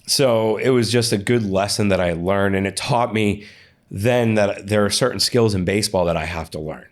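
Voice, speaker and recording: A man's voice: lowish voice, normal speed. A man in an interview, telling stories casually, often restarting and repeating words. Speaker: interview guest, athlete and coach.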